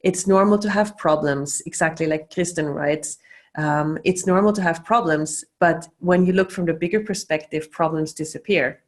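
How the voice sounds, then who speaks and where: A middle-aged woman from Austria speaks in a deep voice at normal speed. As a facilitator on a video call, she gives casual teaching talk loosely, full of fillers and restarts.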